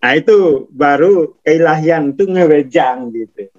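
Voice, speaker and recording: A man's voice: a little high, unhurried, a little mellow, lo-fi sound. A man with a Javanese accent giving a casual spiritual talk, chuckling often and acting out a scolding inner voice. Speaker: spiritual teacher.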